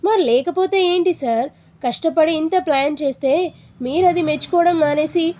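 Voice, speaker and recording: A woman's voice: very high-pitched, normal speed. A woman voicing a feisty young assistant. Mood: indignant. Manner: sarcastic, sharp-tongued.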